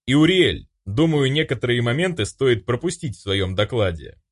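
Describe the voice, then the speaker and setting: A man's voice: medium pitch, lively intonation, normal speed, slightly rough. A man reading an audiobook voices a sly male demon who teases and smirks. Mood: teasing. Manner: teasing, smirking. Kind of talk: audiobook character voice.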